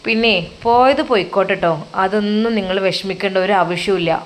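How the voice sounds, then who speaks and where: A warm-hearted male cleric consoling a friend, as a woman reader puts him on, coaxing, reassuring and a little teasing. His voice sits in an everyday middle register and lifts higher when he urges his friend on. It comes across as a spoken storybook role. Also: fairly quick, close to an everyday voice. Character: kindly older male religious teacher, comforting friend.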